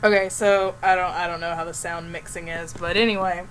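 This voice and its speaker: A young woman streaming while she chats with a friend, friendly and relaxed as she tells stories. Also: fairly low pitch, brisk, slight background noise, rough recording. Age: young adult. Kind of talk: casual chat.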